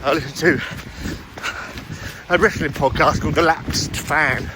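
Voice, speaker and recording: Bloke rambling while out running, highish voice, sweary, takes the piss out of himself, really loud wind and rain. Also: male voice, steady tone, unhurried. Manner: talking while out running, in broken phrases; sweary, self-deprecating. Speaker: running vlogger. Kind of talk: casual rambling vlog chat. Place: outdoors along roads in the rain.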